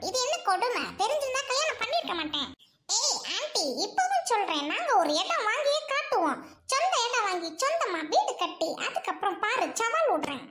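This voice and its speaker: A woman playing a brash, defiant young daughter-in-law who scolds and boasts loudly in a comic serial spoof, recorded with background noise. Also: very high voice, very animated, fairly quick, heavily acted.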